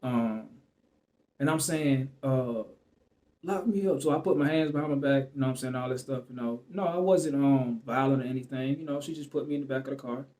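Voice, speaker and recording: A man at an ordinary mid pitch talks straight to camera, telling a personal story in a casual, rambling way. He leans on fillers and restarts his sentences, and he trails off often. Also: a little fast, mellow. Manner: loose and rambling, full of "you know what I'm saying" and fillers.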